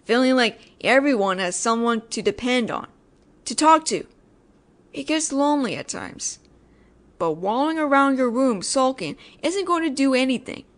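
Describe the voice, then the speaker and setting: A woman with a high voice, animated and at a moderate pace, plays a judgemental tsundere ghost in an audio roleplay, addressing the listener directly. She nags and uses sarcasm, yet her mood is reluctantly caring, showing she secretly cares.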